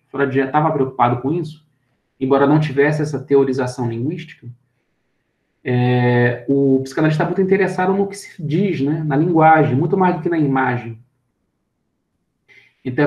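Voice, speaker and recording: A man's voice: on the high side, a little mellow, roomy sound. A man with a Brazilian Portuguese accent giving an explanatory lecture. He thinks aloud and keeps checking that his listeners follow. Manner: thinks aloud, checks understanding with frequent tag questions.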